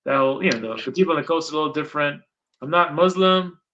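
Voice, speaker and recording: A man's voice: a little high, fast talker, sharp tone, slight background noise. A middle-aged man from Guyana, chatting casually as an interviewer, rambling and repeating his points for emphasis. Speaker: interviewer and channel host. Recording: dull lo-fi sound.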